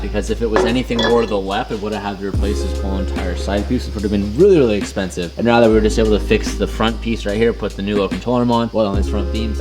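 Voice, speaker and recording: A man hosting a vlog, giving casual commentary on a car project. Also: fairly low pitch. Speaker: vlog host. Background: music.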